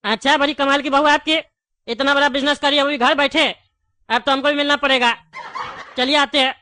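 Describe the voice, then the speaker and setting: Woman voicing bald cartoon candy seller, high bright voice, chatty and wary. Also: steady tone. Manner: chatty, wary, quick to take offence. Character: bald adult male candy shopkeeper, chatty, touchy. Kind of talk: cartoon voice acting.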